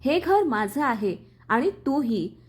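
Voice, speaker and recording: A woman's voice: high voice, sing-song, takes it slowly, husky, full character voice. A woman voicing a scheming sister-in-law, cold and contemptuous, in a story reading. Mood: cold spite.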